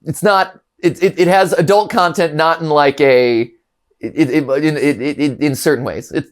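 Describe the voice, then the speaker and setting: A man in his thirties from Ohio, USA, hosts a casual reaction show with a voice on the high side at a moderate pace. He rambles animatedly, often restarting and chuckling.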